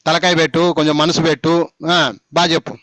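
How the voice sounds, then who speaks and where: A man's voice: a little high, flat delivery, brisk, fairly bright tone, no room sound. A man with a Telugu accent teaching a spoken English phonics class, teasing and scolding his students as he quizzes them again and again.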